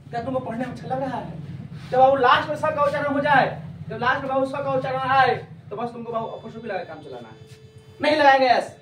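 A man teaching English grammar to a class, calling students "babu" and quizzing them loudly. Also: very high voice, quick pace, a little hiss or hum. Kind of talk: classroom lecture. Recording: echoey classroom from far off.

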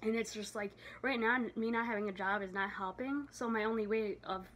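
A woman's voice: a little high, fairly even intonation, fairly quick, fairly bright tone. Tired young woman vlogging on her phone, out of breath, rambly and full of fillers, bit of hiss behind. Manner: rambling, filler-heavy, trailing off. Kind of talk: casual vlog chat. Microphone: phone camera.

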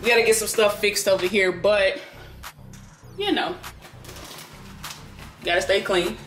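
A woman's voice: mid-range voice, steady tone, a little slow, a bit bright, echoey room, soft background music. Chatty woman vlogger giving a house tour. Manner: laid-back, chatty, addressing viewers. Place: indoors and backyard of a house.

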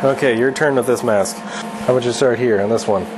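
With music playing underneath and rough recording quality, a channel host in his thirties talks his wife through welding in their home garage. He's offhand and self-deprecating, speaking a little fast in a mid-range voice.

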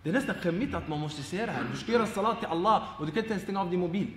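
A male Islamic teacher giving short, informal advice, animated and laughing as he acts out everyday examples. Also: high voice, roomy sound, in a large hall, slight background noise.

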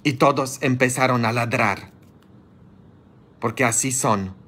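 A man preaching as a priest, scolding his listeners with fervor and breaking into sudden high-pitched outbursts. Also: unhurried, pushed and bright, slightly rough. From grew up as a child of immigrants. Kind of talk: sermon. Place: church, streamed live.

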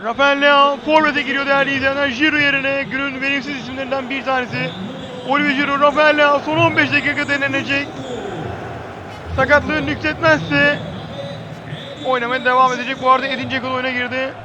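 A man doing live football play-by-play as an excitable commentator who screams players' names at big moments. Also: very high-pitched, fairly quick, lo-fi sound, a crowd in the background, background noise.

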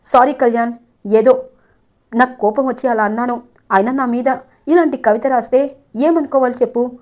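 A woman voicing a sharp-tongued, scheming young wife who taunts and coaxes her husband. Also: on the high side, fairly even intonation, moderate pace, lightly acted. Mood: coaxing. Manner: taunting, then coaxing.

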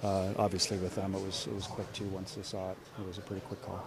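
A middle-aged man, a head coach, answering reporters after a game in a measured way, often restarting his sentences. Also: deep voice, monotone, creaky, over a noisy crowd. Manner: measured, frequent restarts and repeated words. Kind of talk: postgame press conference. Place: indoor media room before a sponsor backdrop. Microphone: cluster of handheld reporter mics.

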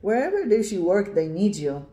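With the camera trained on the cards at an indoor table, a tarot reader from Poland in her fifties does an intuitive reading, emphatic and full of "yeah" and "right?". Her mid-range voice is sing-song, a little fast and dark in tone.

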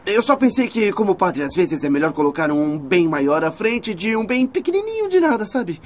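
A sly fake priest. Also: male voice, high-pitched, big pitch swings, moderate pace. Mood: coaxing. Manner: persuasive, conspiratorial. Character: man posing as a priest, sly and coaxing. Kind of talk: dubbed film acting.

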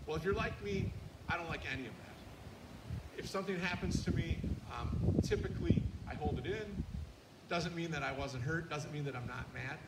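A Midwestern pastor with a fairly high voice preaches in an easy, chatty way and keeps asking his congregation questions. He sounds distant from the mic in echoey outdoor sound. Loud noise and passing traffic run underneath. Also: animated, normal speed. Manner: plain-spoken, asks listeners questions, frequent ums. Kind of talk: casual conversational sermon. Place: outdoor church courtyard service.

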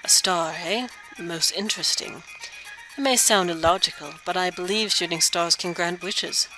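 A woman voicing an old, wise, kindly male frog sage from a video game, speaking in measured, formal phrases. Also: on the low side, music in the background, lightly acted, rough recording. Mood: grave, patient. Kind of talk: video game dialogue read aloud.

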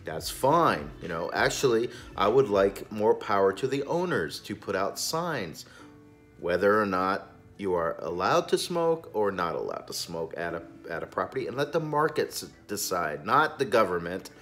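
With a fairly low, fairly bright voice that swings widely in pitch, a forties-aged cigar review host talks at a moderate pace over faint background music. He's indignant and emphatic, gesturing broadly, ranting casually from a small indoor room crowded with boxes.

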